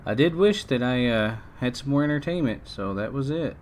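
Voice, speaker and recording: A man giving casual let's-play commentary, chatting to his game characters and breaking into excited outbursts. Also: medium pitch, moderate pace, a little hiss or hum. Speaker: gameplay streamer. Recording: faint game music behind.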